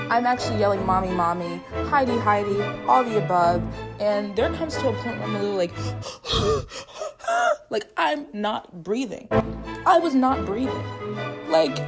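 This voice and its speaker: A woman's voice: fairly high pitch, expressive, normal speed. A young woman vlogger chatting casually, joking and exaggerating everything dramatically. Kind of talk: casual vlog chat. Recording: loud park music and crowd behind.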